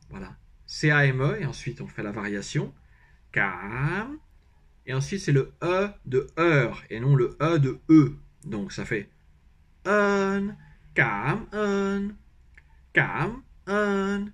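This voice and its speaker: Man, French accent, husky voice, lively swooping pitch, slow patient teaching. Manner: slow, patient, repeats and models each word. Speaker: language teacher. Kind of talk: explaining pronunciation lesson.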